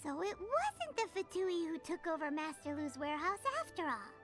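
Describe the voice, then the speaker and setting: An actress voicing a tiny, chirpy fairy companion in a video game, bouncy and childlike. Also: female voice, extremely high pitch, very animated, normal speed, soft background music.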